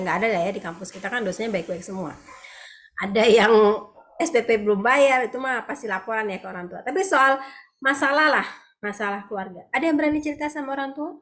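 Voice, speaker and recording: A woman's voice: a little high, a bit bright. A woman lecturer teaching an online class, chatting with her students, asking them questions and acting out what parents say. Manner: conversational, asks students questions, acts out parents' quoted lines. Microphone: video call.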